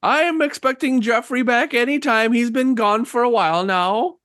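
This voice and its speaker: A man voicing a frail, lonely old woman in a tabletop role-play, speaking in a halting, timid, polite way. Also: very high-pitched, a bit bright, dry recording, clean studio sound, voice pushed up. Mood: hopeful.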